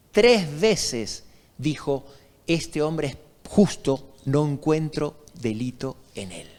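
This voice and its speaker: A man's voice: medium pitch, a little mellow. A man preaching a sermon in a church, telling a story and asking the congregation questions. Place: church sanctuary. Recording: reverberant church hall.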